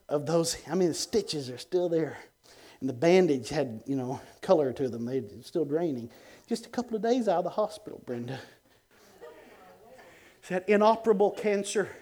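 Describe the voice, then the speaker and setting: A middle-aged man, a guest evangelist, telling an animated testimony on a TV show, dropping to hushed tones and bursting out loud with chuckles. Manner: swings between hushed low tones and loud excited outbursts, chuckling.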